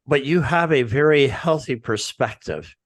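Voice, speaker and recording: Male interview host, informal and rambling, medium pitch, dry close sound. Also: animated, a little slow, no room sound. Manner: informal, rambling, loses his thread. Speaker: podcast host and counselor. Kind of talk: interview hosting.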